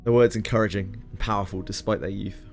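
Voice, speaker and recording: A man's voice: on the low side, steady tone, brisk, creaky. A man streaming a game, reading its story aloud with dry, joking asides. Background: game music.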